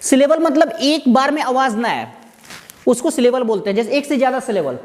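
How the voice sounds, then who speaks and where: A man teaching grammar, who asks his students rhetorical questions and answers them himself, and repeats and spells out words slowly. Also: very high voice, expressive. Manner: slow, repetitive explaining with spelled-out words. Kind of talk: explaining lesson to students. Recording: echoey room with faint background noise.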